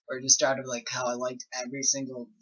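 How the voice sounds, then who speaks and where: A man's voice: mid-range voice, monotone, fast, fairly bright tone. A young man co-hosting a casual, uncensored podcast, teasing and joking in slangy banter. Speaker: podcast co-host. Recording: dull lo-fi podcast recording.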